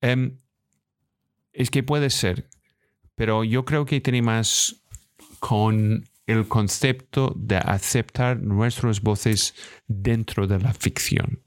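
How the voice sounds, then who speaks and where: Low-voiced man speaking haltingly. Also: fairly even intonation, no echo. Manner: halting, many restarts and fillers. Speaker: guest filmmaker. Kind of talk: live-stream interview.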